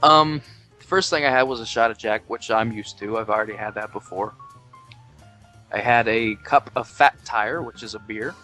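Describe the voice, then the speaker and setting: A twenty-something podcast host, drunk at home in Tennessee, speaks at normal speed in a fairly low voice with a sharp tone. Faint music runs beneath his loose, rambling, profane chat, and he reads things aloud with mock quoting.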